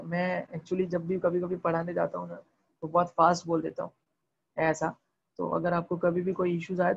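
Fast-talking Hindi chemistry teacher, gravelly. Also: male voice, a little high, lo-fi sound, a little hiss or hum. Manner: quizzing students with repeated questions; mixes English terms into Hindi. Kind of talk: online class lecture. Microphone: video call.

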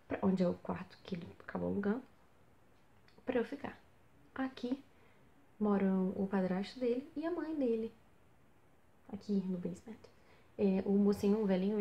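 A young woman telling a story in a casual vlog from a small basement bedroom, animated and full of rhetorical questions. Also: medium pitch, gravelly. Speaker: vlogger on exchange.

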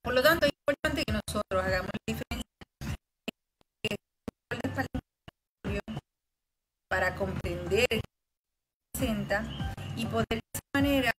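A woman from Puerto Rico, a rheumatologist, explains a condition to patients, pausing often and restarting her sentences. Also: a little high, low-quality recording. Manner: explanatory, with frequent pauses and restarts. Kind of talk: medical talk for patients. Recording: loud music under the voice.

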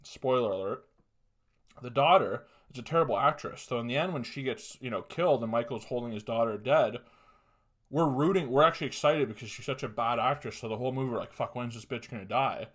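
This young man from Canada speaks at medium pitch and a little quickly while hosting a podcast from a small room in his home, captured on a webcam. His casual comedic stories are rambling, profane and animated.

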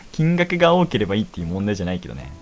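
A young man giving casual, jokey commentary while playing a game, quick to exclaim and laugh. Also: on the high side, fairly bright tone, slight background noise.

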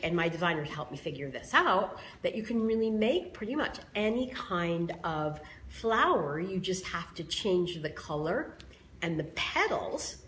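Brief: middle-aged woman, slightly hoarse, friendly live craft demo host, lowish voice that swoops around a lot. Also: a little hiss or hum. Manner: chatty, explains each step, greets viewers. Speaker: craft tool creator demonstrating bows.

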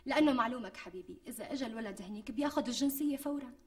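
An actress playing a pampered, demanding young pregnant wife with a Syrian Damascene accent, wheedling and quick to take offence. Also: female voice, on the high side, darkish tone, close to an everyday voice. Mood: insistent. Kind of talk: TV sketch acting. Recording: distant mic with faint music.

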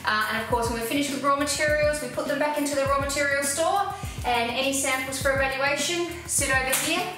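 A woman's voice: high voice, fast, sharp tone. Upbeat Australian woman touring an echoey lab. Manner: upbeat, practical, speaks straight to the viewer. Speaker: cosmetic chemistry educator. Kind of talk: guided lab tour. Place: small commercial lab with steel benches, indoors. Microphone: lapel mic. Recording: echoey lab room with background music.

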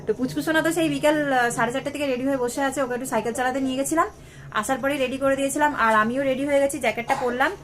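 Speaking quickly and steadily in a fairly bright, high voice, this young Bengali-accented woman from West Bengal, India, chats with her vlog viewers like old friends. She's recording at home, with a little background noise behind her.

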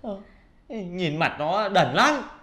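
A man's voice: high voice, sing-song, takes it slowly, noisy background, full character voice. An actor playing a young male student roommate who talks bluntly and scornfully.

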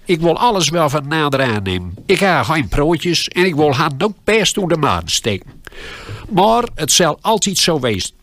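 A man's voice: a little high, dry recording. Man telling a Groningen dialect story. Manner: dry, deadpan humor. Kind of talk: humorous dialect story on radio.

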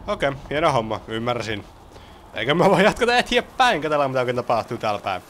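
A young man giving casual let's play commentary, swearing and excitable. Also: mid-range voice. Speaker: gaming streamer. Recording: game sound noise behind. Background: video game sound.

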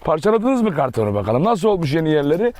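The young man here has a very animated, fairly high voice with a darkish tone. Showing viewers around his dog farm outside, he talks fast and casually, often cooing affectionately to the dogs.

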